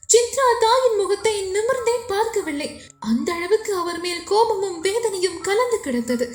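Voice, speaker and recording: A young woman with a Sri Lankan Tamil accent, narrating a novel chapter in a dramatic, emotive way. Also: very high voice. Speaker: storyteller. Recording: echoey room with faint music.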